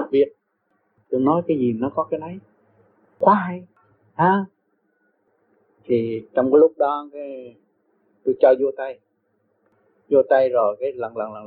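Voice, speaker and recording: Husky older man telling stories over a tinny line. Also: mid-range voice. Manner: rambling, repeats words, chuckles often. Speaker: interviewee. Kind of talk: casual storytelling. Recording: muffled phone-like recording.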